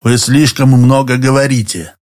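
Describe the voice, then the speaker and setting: The audiobook reader, a man, voices a smooth-then-suspicious middle-aged tenant, his feigned politeness turning curt and wary. His medium, slightly mellow voice holds a steady tone at a moderate pace and is only lightly acted.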